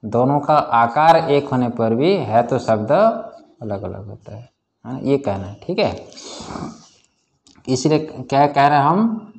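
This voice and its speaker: An Indian man teaching Sanskrit grammar in a classroom, slowly drilling his students with repeated questions. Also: medium pitch, lively intonation. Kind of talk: classroom lecture.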